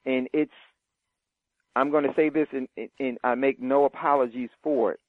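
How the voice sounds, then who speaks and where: A man hosting a talk show, making forceful, deliberate declarations before handing over to his guest. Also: mid-range voice, fairly even intonation, dry recording. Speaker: host. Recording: dry, tinny phone-line sound.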